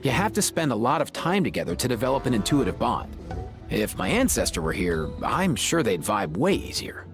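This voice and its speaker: A man's voice: mid-range voice, very animated, moderate pace, over music. A man playing a laid-back, thoughtful young warrior in a video game, speaking casually. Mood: relaxed, friendly. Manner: casual, slangy.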